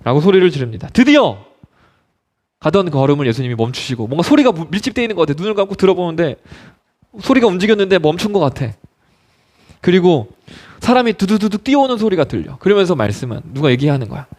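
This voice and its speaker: Animated high-voiced male youth pastor. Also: quick pace. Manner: animated storytelling, asking the listeners questions. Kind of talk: sermon.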